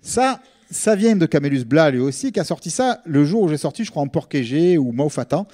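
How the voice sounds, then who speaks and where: Mellow-voiced Marseille man giving an informal lecture. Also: fairly high pitch, expressive, fairly quick. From Marseille, France. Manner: conversational, explanatory, checks in with listeners often. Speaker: linguist giving a public talk.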